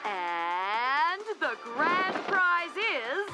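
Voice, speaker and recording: A woman voicing a grand, showy cartoon entertainment boss as a booming prize announcer. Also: big pitch swings, very slow, loud music behind the voice, heavily acted. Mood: showy, excited. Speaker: company boss announcing a contest. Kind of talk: cartoon voice acting.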